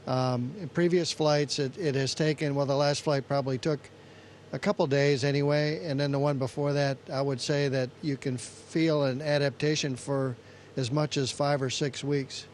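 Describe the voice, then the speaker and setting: Halting male astronaut, mid pitch, light noise. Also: fairly even intonation, a little mellow. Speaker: veteran astronaut being interviewed. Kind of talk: conversational interview answers. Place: aboard space station. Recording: noisy space station downlink.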